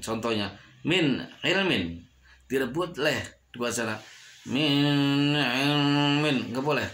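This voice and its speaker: A man with a mid-range, fairly bright voice gives a tajwid lesson on Quran recitation rules. He demonstrates each example word slowly, drawing it out and repeating it.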